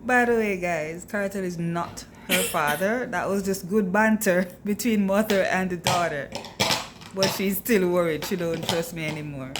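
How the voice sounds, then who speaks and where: A woman's voice: on the low side, moderate pace. A middle-aged Jamaican woman chatting casually in her kitchen as a vlogger, playful and teasing with a ready laugh. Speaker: vlogger and Airbnb host. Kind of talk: casual kitchen vlog chat. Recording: echoey room with background noise.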